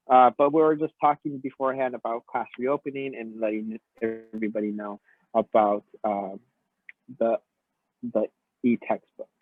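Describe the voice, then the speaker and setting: A man's voice: medium pitch, little pitch movement, normal speed, no room sound. Polite guy teaching over a call, sounds muffled like through a wall, dry, thin phone-ish audio. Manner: polite, thanks students for feedback. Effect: muffled, as if heard through a wall or underwater. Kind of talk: online class instruction.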